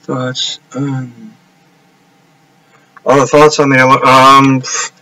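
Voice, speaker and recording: A man's voice: medium pitch, monotone, extremely slow, sharp tone, slight background noise, rough recording. A man rambling casually on a live stream from his upstairs apartment, trailing off and restarting often.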